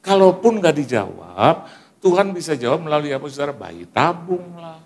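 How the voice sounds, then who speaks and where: Lively middle-aged male preacher. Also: a little high, moderate pace, creaky, husky. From Manado, Indonesia. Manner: lively storytelling with acted quotes and asides to the congregation. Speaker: pastor. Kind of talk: sermon.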